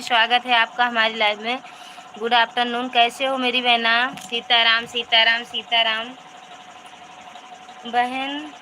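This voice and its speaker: Woman, Awadhi-accented Hindi, live-stream host, chatty, greets viewers by name, piercingly bright tone, slight background hiss. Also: on the high side. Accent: Awadhi-tinged Hindi. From Uttar Pradesh, India. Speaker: livestream host.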